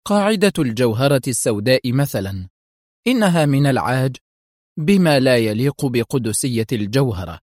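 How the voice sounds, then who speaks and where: A man voicing a cunning, scheming woman villain who puts on sweetness and turns sharp. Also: mid-range voice, lively intonation, normal speed, no room sound, clean studio sound, natural voice. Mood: scheming, tense. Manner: feigned sweetness turning sharp.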